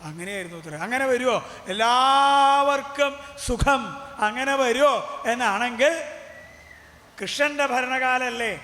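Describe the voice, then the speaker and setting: A man performing traditional comic temple storytelling as a teasing, lively storyteller, recorded on a temple stage. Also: very high voice, moderate pace, pauses often. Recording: echoey hall, faint crowd ambience.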